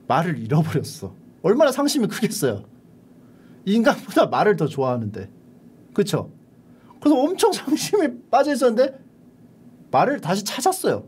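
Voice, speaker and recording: Husky, lively streamer telling a story. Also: male voice, high voice. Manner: animated, chatty retelling. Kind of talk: casual storytelling.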